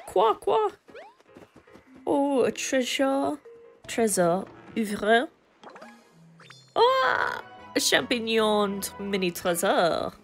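A woman doing casual let's-play commentary and reading game dialogue aloud haltingly, mixing English with learner French and bursting into excited exclamations. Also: mid-range voice. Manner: reads dialogue slowly and haltingly, with stumbles. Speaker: gamer playing through a video game. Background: faint video game music.

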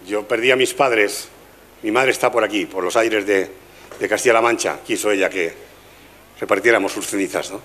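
A man's voice: lowish voice, normal speed, fairly bright tone. An older man from Spain with a Spanish accent, doing a chatty stand-up comedy routine at a gala and teasing the audience. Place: live stage with audience.

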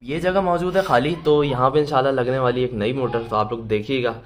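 Fairly quick and medium-pitched, his fairly even delivery comes with slight background noise. The vlogger, a man in his thirties from Pakistan, chats to viewers he calls brothers while fixing a water pump indoors at home, in the rooms and utility corner, recorded on a phone camera at arm's length.

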